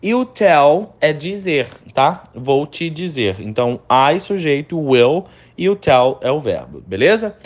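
A man teaching English grammar, saying example sentences slowly and checking in often with his students. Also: on the high side, big pitch swings, highs cut off. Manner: slow, drawn-out repetition of example sentences; chatty, checks in often with short tags.

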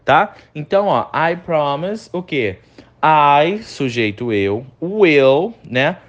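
A man's voice: fairly high pitch, big pitch swings, lo-fi sound. Chatty male English teacher. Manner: slow, drawn-out repetition of example sentences; chatty, checks in often with short tags. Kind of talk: explaining English grammar to students.

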